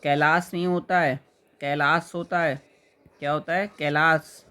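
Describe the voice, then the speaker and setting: A man teaching a spelling lesson to exam students, patiently explaining and repeating words slowly while checking that they follow. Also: a little high, steady tone, sharp tone, clear, resonant tone.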